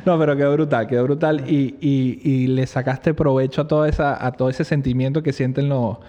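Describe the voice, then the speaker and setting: A man with a Venezuelan accent hosting an interview, reacting with quick exclamations. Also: mid-range voice, fairly even intonation, warm tone. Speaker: interview host. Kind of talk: casual interview chat. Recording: dull lo-fi recording.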